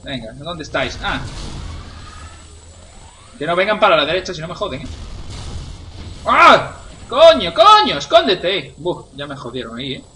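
A man doing let's-play commentary at home, excitable, swearing and shouting at enemies. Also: a little high, a little fast, long pauses, a little hiss or hum. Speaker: gamer.

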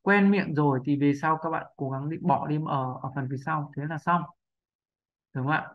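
Male teacher, a bit high-pitched, patient and repetitive, on a muffled lo-fi recording. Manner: patient, repeats sounds slowly, asks for agreement. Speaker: English pronunciation teacher. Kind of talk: spoken lesson.

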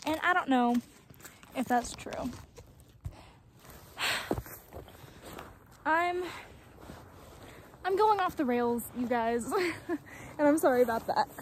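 Speaking slowly with many pauses, a young woman of twenty vlogs from a dry mountain meadow in a high-pitched voice, with a little hiss or hum on the recording. She rambles, swears often and laughs at herself in casual reflection. Her phone starts at arm's length and ends up propped on the ground.

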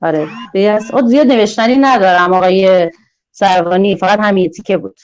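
A woman giving an online teacher-training lecture, drawing words out slowly in a sing-song teaching manner. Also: mid-range voice, lo-fi sound. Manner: slow, sing-song, drawn-out teaching delivery.

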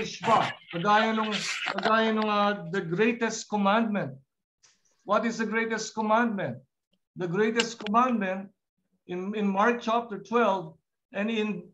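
A man with a Filipino accent teaching a class online, slowly repeating each word and drilling its pronunciation. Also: high voice, a bit bright, muffled recording, slight background noise. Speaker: Hebrew teacher. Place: online video call class.

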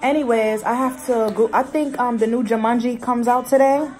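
A woman's voice: on the high side, fairly even intonation, moderate pace, a little mellow, faint music behind. A young adult woman chatting casually and slangily to her viewers in a mukbang vlog, talking while she eats. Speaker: vlogger. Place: small room at home. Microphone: phone at arm's length.

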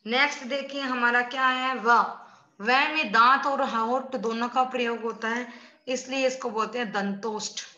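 A woman's voice: fairly high pitch, steady tone, measured pace, pushed and bright. A woman teacher giving an online class, explaining step by step and quizzing her pupils as she goes. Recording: dull lo-fi sound in an echoey room.

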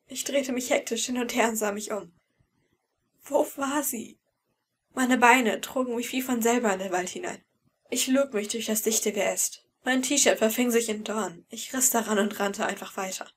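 A woman reads a fan-fiction audiobook in the first person, telling the story in an emotional, tense way. Her voice is on the high side and slightly rough, at a moderate pace.

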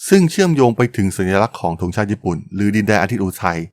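Fast-talking male podcast storyteller. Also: fairly low pitch, sing-song. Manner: polite, chatty, frequent exclamations. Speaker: podcast host.

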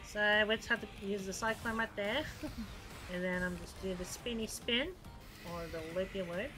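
A woman hosting a let's play, giving excitable gameplay commentary with frustrated outbursts and laughter. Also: medium pitch, normal speed. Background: faint game music.

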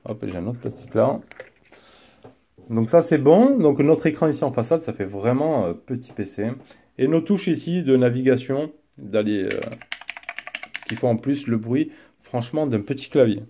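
A man casually reviewing a gadget as he unboxes it, chatty and relaxed, with frequent fillers. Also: medium pitch, normal speed. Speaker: tech reviewer. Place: indoor desk setup.

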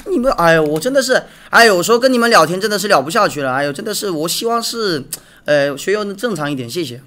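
A young man streaming live, chatting casually while watching a match and thanking viewers for gifts, repeating himself when excited. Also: high-pitched, fast talker. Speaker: game streamer.

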